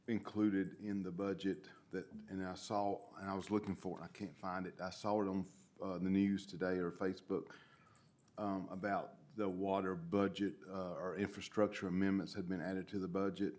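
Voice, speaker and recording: An American man, a council member, making informal and somewhat halting remarks at a town meeting. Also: low-pitched, little pitch movement, darkish tone.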